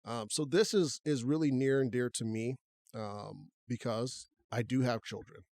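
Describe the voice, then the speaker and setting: A man co-hosts a podcast with an easygoing conversational manner, often restarting his sentences as he thinks aloud. His voice sits at an ordinary middle pitch. It is recorded close and dry, with no room sound. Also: unhurried, no room sound. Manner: relaxed, conversational, talks through restarts. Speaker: podcast co-host. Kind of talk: casual podcast chat.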